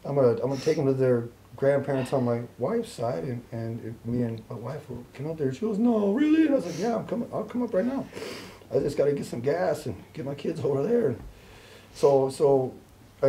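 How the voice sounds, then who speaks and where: A man's voice: medium pitch, slight background noise. A middle-aged man casually telling a personal story in an interview, acting out the voices of the people he quotes. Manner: animated, acts out other people's voices in quotes. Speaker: interview guest.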